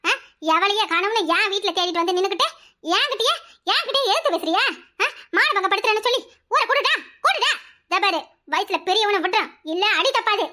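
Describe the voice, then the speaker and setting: A woman voicing a sharp-tongued, quarrelsome village housewife in a cartoon, with a Kanyakumari Tamil accent and a rapid, scolding manner. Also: very high-pitched, animated, heavily acted. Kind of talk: cartoon voice acting.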